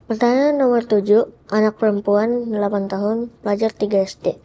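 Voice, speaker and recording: A woman reading children's questions aloud in an even, plain way. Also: mid-range voice, normal speed, a little hiss or hum. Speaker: reader of viewer questions.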